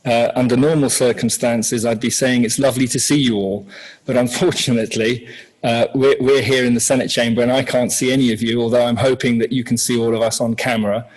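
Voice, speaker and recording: Man, college head, welcome address, senate chamber, measured with ums and restarts. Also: mid-range voice, flat delivery, a little mellow. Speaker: head of college, webinar host.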